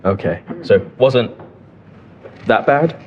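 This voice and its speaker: A man asking interview questions politely and gently, quick to apologise. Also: medium pitch, expressive, highs cut off, a little hiss or hum. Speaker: audience questioner.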